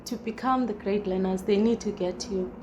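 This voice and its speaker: A South African former teacher whose first language is Xhosa speaks as a guest in a casual, reflective chat, repeating her key phrases. Her voice is mid-range and her pace moderate, with background noise clearly audible.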